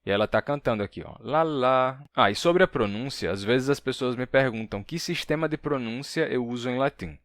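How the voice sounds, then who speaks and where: A man with a Brazilian Portuguese accent teaching a language lesson. He reads Latin slowly, with playful sound effects. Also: mid-range voice, a bit bright, no room sound, clean studio sound. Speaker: language teacher and channel host. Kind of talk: language lesson with a sponsor read.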